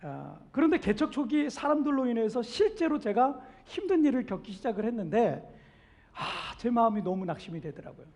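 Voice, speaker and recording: A male pastor from South Korea giving a Sunday sermon in a church sanctuary. He preaches emphatically, swelling louder on questions and pleas and then dropping soft. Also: extremely high pitch, sing-song, fairly quick. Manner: acts out what doubters say. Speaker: senior pastor.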